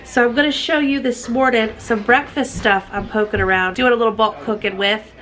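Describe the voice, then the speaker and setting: A woman's voice: a little high, steady tone, fairly quick, fairly bright tone. A woman vlogging casually from her farm kitchen and barnyard, chatty and homey, coaxing her animals along. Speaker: homestead vlogger. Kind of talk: casual chat to camera.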